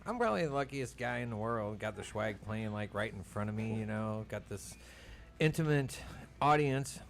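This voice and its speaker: A man's voice: lowish voice, animated, normal speed, vocal fry, slight background noise. A man co-hosting a radio show from his station's studio, easygoing and chuckling, often repeating words. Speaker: radio station owner and co-host. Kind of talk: casual radio chat.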